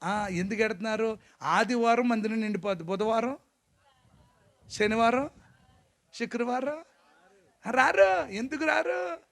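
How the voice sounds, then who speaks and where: Pastor guy preaching live in a church hall, high voice, jokey, gets the crowd shouting. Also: a little slow, vocal fry, pauses often. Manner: lively and joking, urges the crowd to shout. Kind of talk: live sermon to a congregation.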